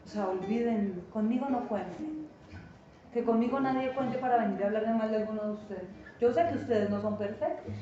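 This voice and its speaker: A woman's voice: fairly high pitch, fairly quick, warm tone, slight background noise. A woman pastor, giving an earnest, emphatic sermon and acting out quoted voices. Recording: distant, echoey, dull church sound with guitar.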